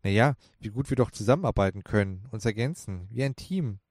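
Brisk young woman in a storybook, a male reader's own low voice, earnest, dry read. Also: a little mellow, dry recording. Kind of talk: storybook character voice.

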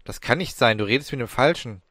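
A man's voice: medium pitch, lively intonation, fast talker, sharp tone, no room sound, studio quality. A man reading an audiobook, voicing a bewildered male journalist who stammers in disbelief. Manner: stammering, confused.

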